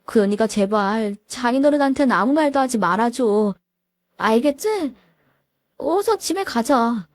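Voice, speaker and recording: A woman's voice: fairly high pitch, lively intonation, unhurried, no room sound, studio quality. A woman voicing a cowed cheating husband who whines and pleads with his wife. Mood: pleading. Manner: whiny, pleading.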